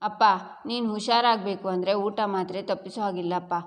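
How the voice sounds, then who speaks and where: A woman's voice: medium pitch, steady tone, brisk, natural voice. A woman voicing a young woman who pleads earnestly with her father, in a long echoing reverb. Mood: pleading.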